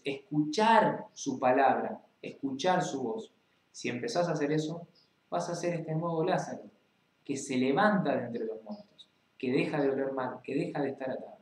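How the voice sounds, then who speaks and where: Rioplatense man preaching in an echoey room. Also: medium pitch. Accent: Rioplatense Spanish. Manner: reads scripture then preaches directly to the listener. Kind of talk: Bible reading and preaching.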